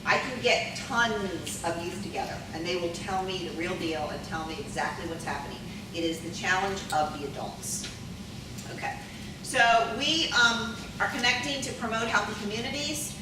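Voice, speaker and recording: Addressing a conference audience, a middle-aged woman from Maryland uses a loud, friendly teacher voice of medium pitch, pausing often on ums and putting questions to the room. The mic catches her from a distance in a large, very echoey hall with clear background noise.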